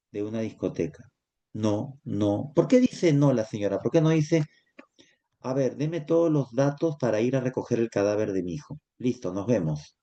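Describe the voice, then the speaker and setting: A male psychology teacher with a Peruvian Spanish accent, lecturing lively and acting out little dialogues in character voices. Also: medium pitch, muffled recording. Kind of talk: lecture with acted examples.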